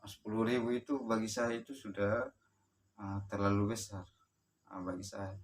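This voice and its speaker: A man from Sumba in eastern Indonesia tells his own life story, speaking haltingly with frequent pauses and restarts. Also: on the low side, little pitch movement, distant mic, a little hiss or hum. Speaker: motivational speaker. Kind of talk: personal life story told to camera.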